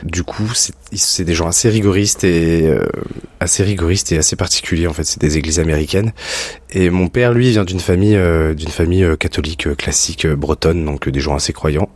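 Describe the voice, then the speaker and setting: A young man guest in a radio studio, telling his story hesitantly with many pauses and fillers. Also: low voice, a little mellow. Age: young adult. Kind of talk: personal testimony in an interview.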